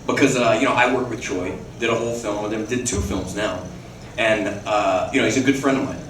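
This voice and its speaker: A man's voice: fairly low pitch, steady tone, fairly quick, background noise. A man telling casual anecdotes at a fan Q&A, swearing freely, laughing and restarting his sentences. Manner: profane, laughing, restless storyteller with many restarts. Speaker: guest actor at a fan Q&A. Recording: echoey hall from far off with ambience.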